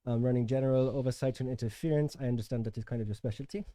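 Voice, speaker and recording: A man's voice: mid-range voice, steady tone, rapid-fire, mellow, no room sound, close to an everyday voice. A man voicing a formal male team commander, speaking in a put-on German accent with stiff, courteous, old-fashioned phrasing during a tabletop role-play.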